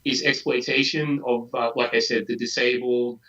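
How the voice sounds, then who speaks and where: A man's voice: mid-range voice, little pitch movement, normal speed, fairly bright tone. An Australian man, a guest in a casual debate, talking over a remote call with a dry, sarcastic streak. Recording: dull roomy audio from far off.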